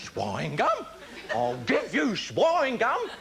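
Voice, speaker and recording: A man's voice: huge pitch swings, slow pace, creaky, heavily acted. A man voicing a bullying, sarcastic nineteen-year-old traffic policeman, mocking and hectoring. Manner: mocking, hectoring, big swoops in pitch. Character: bullying sarcastic teenage male traffic cop. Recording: live stand-up with loud audience.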